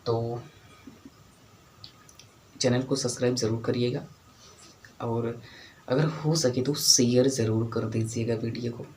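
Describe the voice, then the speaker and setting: एक आदमी, अंग्रेज़ी पढ़ाता शिक्षक, हल्के शोर के साथ. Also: male voice, mid-range voice, fairly even intonation, slow pace, pauses often, darkish tone, a little hiss or hum, rough recording. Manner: repeats key words and asks questions to check understanding. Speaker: English teacher. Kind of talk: spoken English lesson at a whiteboard.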